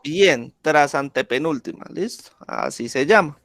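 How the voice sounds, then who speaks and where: Guy teaching class on a video call, super slow, keeps asking "¿sí?", dry close sound. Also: fairly high pitch, animated, fairly bright tone, dry recording. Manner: slow, patient, checks in with frequent "¿sí?". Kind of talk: classroom grammar lesson.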